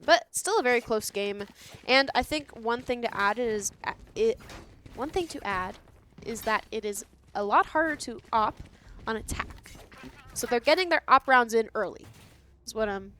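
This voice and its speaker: A young woman calls a match in an excitable, teasing way, and her fairly high voice leaps around a lot. She giggles easily between plays. There is a faint hiss of noise behind her. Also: moderate pace. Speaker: esports commentator. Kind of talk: casual live game commentary.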